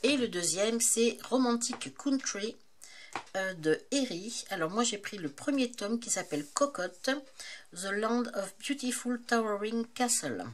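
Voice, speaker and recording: A woman in a casual show-and-tell vlog about her craft supplies, chatty and hesitant, often pausing with fillers. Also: fairly high pitch, expressive, a little hiss or hum. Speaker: craft vlogger.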